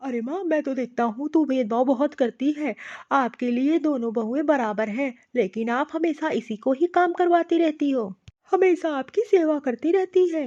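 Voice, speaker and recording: A woman plays a calm cartoon husband and son who argues for fairness, in a high, mellow voice. The audio is dull and lo-fi. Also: normal speed, natural voice. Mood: reasoning. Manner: reasoning, mildly reproachful. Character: fair-minded young husband and son.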